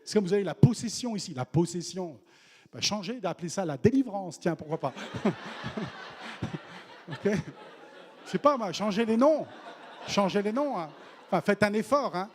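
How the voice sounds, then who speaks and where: A man preaching a sermon as a missionary, animated and humorous, acting out the people in the story he tells. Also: high-pitched, normal speed, pauses often, a little hiss or hum. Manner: animated, acts out voices of people in the story, jokes with the congregation.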